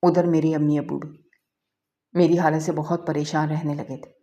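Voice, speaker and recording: A woman with a low, dark and mellow voice reads a first-person moral story aloud. She keeps a calm, even storytelling manner from line to line. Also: lo-fi sound. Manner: calm, even reading of a sad family story.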